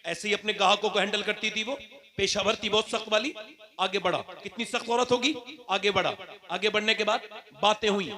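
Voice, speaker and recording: A high-voiced preacher addresses a gathered crowd with emotional storytelling. His tone is bright and forward, and he swings from hushed passages to loud ones. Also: fairly even intonation, brisk. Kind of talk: sermon. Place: public religious gathering.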